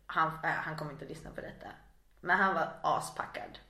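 Brief: woman guest, lively storyteller, echoey room. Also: low-pitched. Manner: lively storyteller, quotes people with slang. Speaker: podcast guest. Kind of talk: casual chat, anecdotes. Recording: roomy echo.

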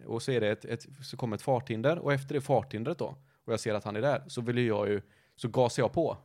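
A man's voice: medium pitch, darkish tone. A man in casual podcast chat, telling a story at length, rambling and often correcting himself mid-sentence. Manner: rambling, self-correcting, lots of fillers. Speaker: podcast host.

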